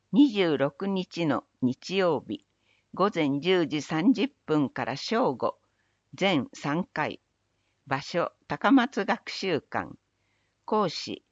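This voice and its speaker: Woman, low pitch, slow measured reading, lively pitch, dull lo-fi sound, city announcements. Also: no room sound. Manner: measured, even recital of dates and phone numbers. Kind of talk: scripted public announcement reading.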